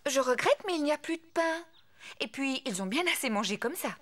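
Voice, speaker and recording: A woman's voice: high-pitched, animated, brisk, a bit bright. A woman voicing a caring, practical mother pig in a French children's cartoon, motherly and mildly chiding. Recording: cartoon music behind the voice.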